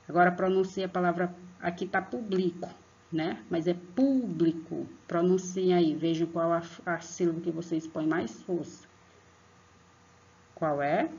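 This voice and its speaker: A woman's voice: fairly low pitch, gravelly, darkish tone. A woman teacher giving a patient online lesson to children, stretching out and stressing example words. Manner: patient, talks to pupils as "tia". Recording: dull lo-fi online class audio.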